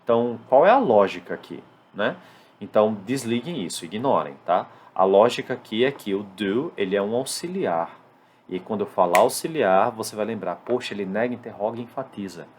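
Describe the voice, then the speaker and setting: A Brazilian man with a Brazilian Portuguese accent, teaching an English lesson at a whiteboard and slowing down to spell out English examples. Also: on the low side, lively intonation, a little hiss or hum. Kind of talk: classroom-style lesson at a whiteboard.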